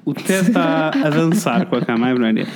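A man in his thirties with a European Portuguese accent, chatting playfully as a podcast co-host at home. His voice sits a little high and swings widely in pitch. He drops English phrases into his Portuguese. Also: expressive, normal speed. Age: 30s. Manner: playful, mixes English phrases into Portuguese, calls listeners "amores". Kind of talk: casual chat.

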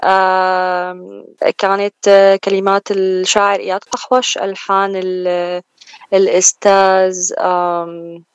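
A woman's voice: medium pitch, monotone, a little slow, clean tone, no echo, lo-fi sound. A woman with a Levantine Arabic accent chatting casually as a singer in a radio interview, switching between Arabic and English mid-sentence.

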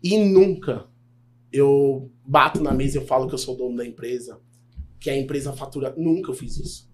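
A man's voice: mid-range voice, moderate pace. A man in his thirties, a health insurance broker and podcast guest, telling a sales story in casual chat and acting out the dialogue. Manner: animated, acts out dialogue while telling a story.

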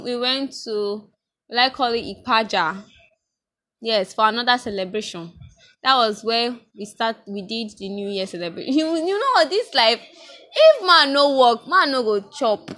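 A young woman with a Nigerian accent, chatting casually in a vlog and mixing in pidgin phrases. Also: on the high side. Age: young adult. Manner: chatty, mixes in pidgin, animated storytelling. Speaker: vlogger.

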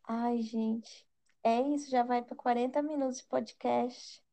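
A young Brazilian woman with a Brazilian accent chats casually as a podcast co-host, in a bubbly, girly, slangy and expressive way. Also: fairly high pitch, unhurried, gravelly. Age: young adult. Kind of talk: casual chat between friends.

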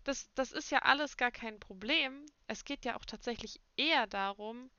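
A young woman co-hosting a casual podcast chat, expressive and acting out little quoted dialogues. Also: a little high, moderate pace, no echo, dull audio. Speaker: podcast co-host.

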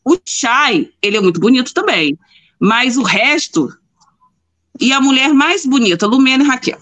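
A woman's voice: high-pitched, animated, moderate pace, fairly bright tone. A woman commenting on a live show in casual chat, emphatic and repeating herself for effect.

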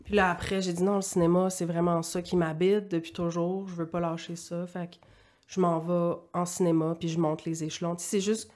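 A woman's voice: on the low side, little pitch movement, a little fast, darkish tone. A woman in her thirties with a Quebec French accent, a podcast guest telling her story in a candid, run-on way. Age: 30s. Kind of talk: casual conversational interview.

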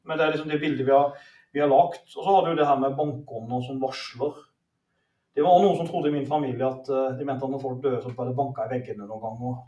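A man's voice: mid-range voice, fairly even intonation, warm tone, highs cut off. Man, podcast host, casual chat, argumentative, explanatory, distant mic, roomy echo.

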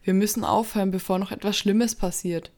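A woman's voice: mid-range voice, steady tone, brisk, darkish tone, lightly acted. A woman voicing a cautious young man who warns his friends, in a horror story reading. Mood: alarmed. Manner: earnest, warning.

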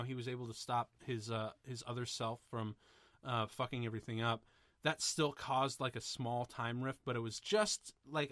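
Bright-voiced, rambling male podcast host. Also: mid-range voice, no echo, studio quality. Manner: excitable, rambling and profane. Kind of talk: casual movie commentary chat.

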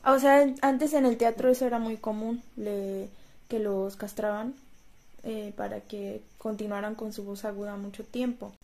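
A woman's voice: medium pitch, fairly even intonation, moderate pace, darkish tone. A woman co-hosting a podcast, talking casually and chiming in often in agreement. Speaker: podcast co-host. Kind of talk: casual conversation.

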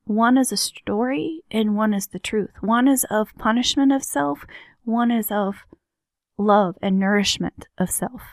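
A woman giving an earnest, slow motivational talk on healing and rest, often softening her voice to a near-whisper. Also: on the high side, dry recording, studio quality. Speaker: wellness speaker.

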